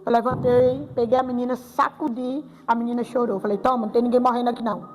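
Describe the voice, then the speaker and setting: A woman's voice: a little high, flat delivery, fast, a crowd in the background. An older woman giving an emotional church testimony, often repeating her phrases and pleading to God. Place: church hall with music behind. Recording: long reverb of a church hall.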